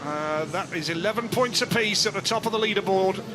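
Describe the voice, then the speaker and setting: A man commentating live on a race in an excitable motorsport commentator's delivery. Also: high-pitched, fairly quick, a crowd in the background. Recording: clear background noise.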